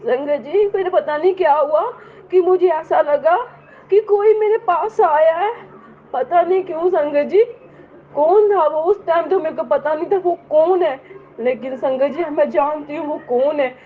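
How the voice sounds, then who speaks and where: A middle-aged devotee shares an earnest personal testimony with a congregation, often speaking directly to her listeners. Her voice is high and unhurried. The recording is tinny and phone-like with a faint hiss.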